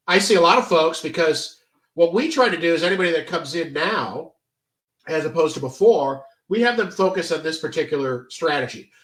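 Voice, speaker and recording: Congested and stuffy, a man with a fairly high, a bit bright voice runs a casual, chatty screen-share tutorial on trading. His phrasing stops and starts amid many fillers, and the distant mic picks up a reverberant room.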